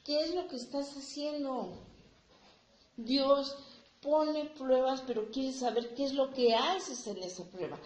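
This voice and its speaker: Slow, deliberate woman preaching. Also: sits high, a little mellow. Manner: slow, deliberate preaching with rhetorical questions to the congregation. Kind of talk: sermon. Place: church hall. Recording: echoey room with faint ambient noise.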